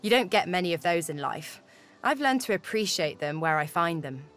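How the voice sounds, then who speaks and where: A woman's voice: fairly low pitch, expressive, moderate pace, fairly bright tone. A woman playing a wry, easygoing musician companion in a video game, talking in a casual, reflective way. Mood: warm, nostalgic. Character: wry, easygoing female musician haunted by inner spirits.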